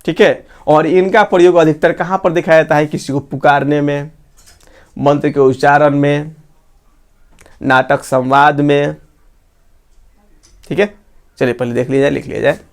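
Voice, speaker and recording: A man teaching a grammar lesson, asking the class questions and answering them himself, and repeating phrases slowly so they can be written down. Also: fairly high pitch, flat delivery.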